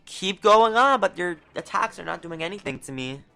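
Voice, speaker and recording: Brief: excitable New York-accented gamer narrating a playthrough, very lively pitch. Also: moderate pace, creaky, soft background music. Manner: excitable, exasperated running reactions. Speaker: let's player. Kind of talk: video game playthrough commentary.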